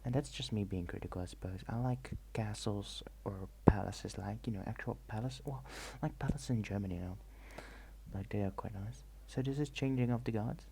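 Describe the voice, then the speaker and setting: Gravelly and soft-spoken, this ASMR vlogger talks through a travel vlog briskly in a lowish voice, hesitating and rambling as he drifts between soft speech and whispers. Faint ambient noise can be heard.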